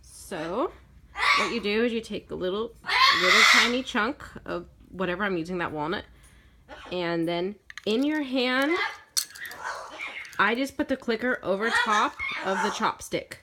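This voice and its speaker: On a very noisy recording, a woman with a mid-range, animated and unhurried voice, congested from a cold, demonstrates how she trains her parrot. Her casual how-to wanders, with frequent ums and self-corrections.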